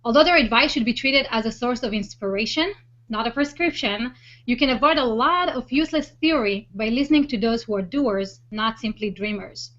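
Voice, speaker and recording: Over dull, lo-fi web call audio from a video hangout, a woman hosts her online interview show in an upbeat presenting style. Her voice is a little high and fairly bright, and she talks a little fast through the introduction and interview.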